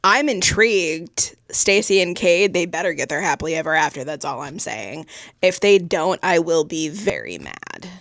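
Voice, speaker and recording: A woman's voice: sits low, big pitch swings, normal speed, fairly bright tone, no room sound, studio quality. A woman and mother vlogging casual reactions to her reading, talking emphatically and exclaiming straight to her viewers. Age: adult mother. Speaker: book vlogger.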